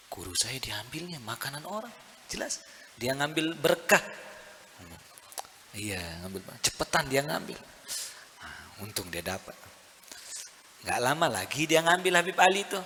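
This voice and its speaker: A man's voice: high-pitched, sharp tone. A man preaching a sermon, often asking the audience questions and having them answer back. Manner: call-and-response questions to the audience. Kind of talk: religious sermon. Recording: reverberant hall.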